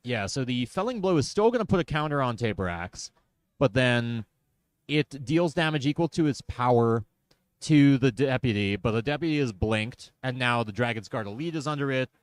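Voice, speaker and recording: A man's voice: mid-range voice, animated, moderate pace, no echo. A man commentating a card game in casual chat, wry and self-deprecating, talking through each play.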